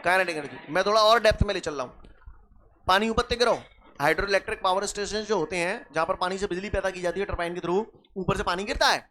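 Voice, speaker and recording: Lively high-voiced man teaching physics. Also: fast talker, slight background noise. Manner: lively, quizzes students with rhetorical questions. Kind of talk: classroom lecture.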